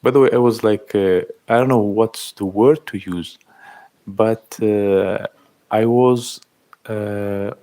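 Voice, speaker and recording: A man in his thirties from Algeria, chatting casually on a livestream, reading out and thanking viewers' comments in halting speech. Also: on the low side, steady tone, mellow. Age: 30s. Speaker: livestream host. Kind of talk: casual live-stream chat.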